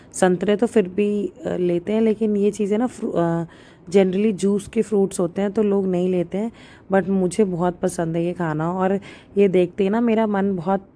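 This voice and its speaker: A woman's voice: fairly low pitch, dark tone, slight background noise. A young woman chatting casually as she narrates her vlog, with many fillers and English words mixed in. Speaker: vlogger.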